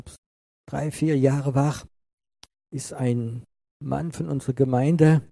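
A man's voice: medium pitch, mellow, no room sound. A male pastor giving an earnest, impassioned sermon that often turns to address the listeners directly.

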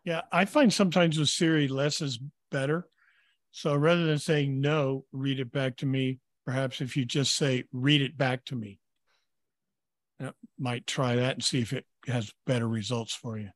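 A man's voice: mid-range voice, fairly even intonation, normal speed, no echo. A man offers practical advice in a casual group discussion.

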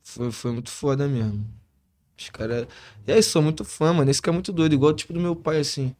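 Rio dude chatting in street slang, slightly high voice, talks real quick. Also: male voice, a little mellow. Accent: Rio de Janeiro. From Rio de Janeiro, Brazil. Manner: slangy, constant tag phrases. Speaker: interview guest, hip hop musician.

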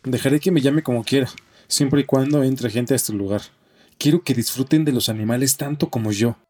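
A man's voice: medium pitch, fairly quick, a little mellow, close to an everyday voice. A man acting a stressed, stubborn zoo owner in an audio drama, earnest and exasperated. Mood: earnest, resigned.

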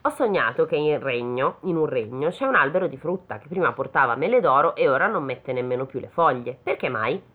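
A woman's voice: animated, fairly quick, hardly any pauses. A woman voicing the devil's fussy, bossy old grandmother in a read-aloud fairy tale. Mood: wheedling. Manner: high, fussy scolding. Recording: phone-like narrow sound.

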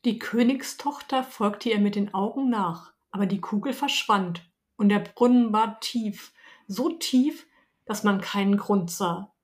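A woman co-hosting a story podcast, reading a fairy tale in a calm storytelling manner. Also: medium pitch, unhurried.

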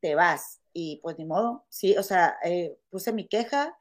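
A woman's voice: lowish voice, measured pace. A woman with a Mexican accent in casual chat, telling stories to a friend and calling her comadre. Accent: Mexican Spanish. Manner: animated storytelling, calls her friend comadre.

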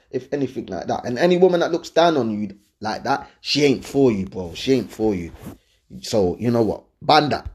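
Offering dating and lifestyle tips, this host speaks with a London accent in a medium-pitched, slightly mellow male voice. He chats to viewers casually and slangily, giving his views and regularly making sure they follow him.

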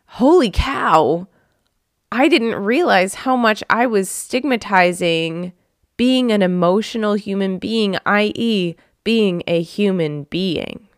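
A woman's voice: medium pitch, expressive, slow, no room sound, studio quality. A woman hosting her own podcast, speaking earnestly and from the heart straight to her listeners. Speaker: podcast host. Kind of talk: reflective solo podcast talk.

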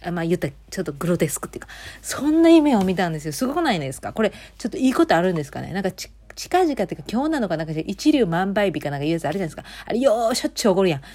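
A woman's voice: mid-range voice, big pitch swings, rapid-fire, a little mellow. A woman with a Kansai accent hosting her own audio show, chatting casually in a rambling way with many fillers and asides. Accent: Kansai Japanese. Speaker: podcast host. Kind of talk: casual solo chat.

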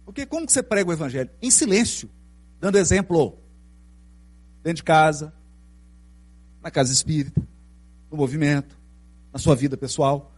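A middle-aged Brazilian man with a Brazilian Portuguese accent giving a spiritist lecture, telling stories in an animated way and asking the audience questions. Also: fairly high pitch, moderate pace, long pauses. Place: lecture hall.

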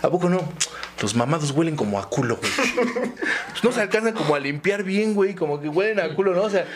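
A man's voice: sits high, big pitch swings, a little fast. A Mexican man co-hosting a comedy podcast, telling crude rambling stories, swearing constantly and laughing at his own jokes. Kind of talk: crude casual banter.

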